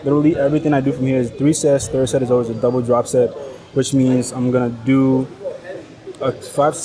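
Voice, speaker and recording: A medium-pitched Nigerian man, a fitness vlogger, chats casually to the camera in the middle of his workout, using English as a second language with a Nigerian accent. He's slangy and jokey, occasionally profane. His clip-on body mic picks up gym chatter in the busy indoor gym.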